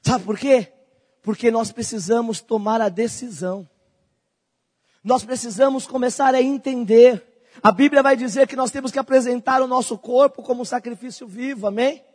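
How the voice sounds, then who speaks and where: A young adult man, a pastor, preaching a sermon with a husky voice, swinging from quiet talk to loud calls. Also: extremely high pitch, steady tone, moderate pace, long reverb tail.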